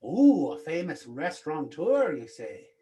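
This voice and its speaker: A performer voicing a spry, boastful old leprechaun who cooks stew, with folksy old-timey speech and a lively, swooping delivery. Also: medium pitch, measured pace, slight background noise. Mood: doting.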